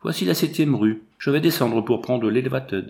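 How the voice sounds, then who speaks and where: Male reader doing a quick-witted young woman, teasing and mystical, gravelly read. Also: mid-range voice, lightly acted. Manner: teasing, lively retorts.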